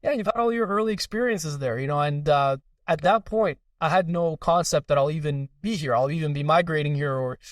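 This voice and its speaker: Fast-talking man, slightly distant mic. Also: a little high, no echo, clean studio sound. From Iran. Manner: fast, earnest storytelling with many fillers. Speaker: podcast guest. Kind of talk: casual interview conversation.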